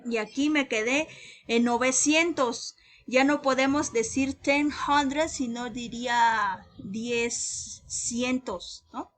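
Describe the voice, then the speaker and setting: A woman teaching an English class, explaining patiently and repeating each number clearly for learners, with emphatic drills on the English words. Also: fairly high pitch, takes it slowly, a bit bright.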